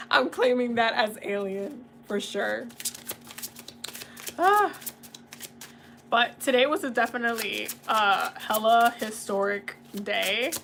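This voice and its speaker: A young woman from the Dominican Republic talks in a loose, slangy livestream chat, laughing often between thoughts. Her voice is bright and a little high. A faint background hiss sits under the recording. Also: expressive, slow pace, vocal fry, long pauses. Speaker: tarot and oracle reader.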